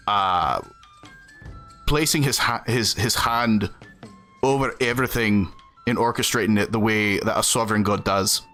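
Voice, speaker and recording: A man's voice: fairly low pitch, fairly bright tone. A man from the American South chatting earnestly with his live-stream audience while playing a game. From Southern United States. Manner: earnest, chatty, answers chat between gameplay. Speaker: gaming streamer. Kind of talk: casual live-stream chat.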